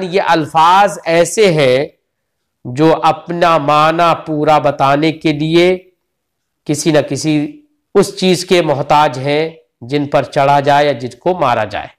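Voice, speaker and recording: A man teaches a grammar lesson. He speaks slowly and patiently, asking his listeners questions and repeating key points. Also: sits high. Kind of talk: religious grammar lecture.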